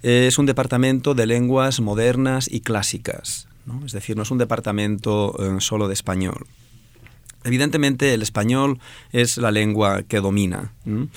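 At a moderate pace and with a steady tone, this man speaks in a medium-pitched voice, recorded without echo. A professor in his forties from Alicante, he grew up speaking Valencian/Catalan, has a Spanish accent from Spain, and answers interview questions in a reflective, hesitant manner.

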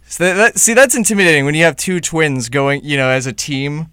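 A man's voice: on the high side, fairly quick, bright, forceful tone, smooth, dry recording, clean studio sound. A man hosting a comedic podcast, with playful, theatrical announcer delivery. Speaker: podcast host.

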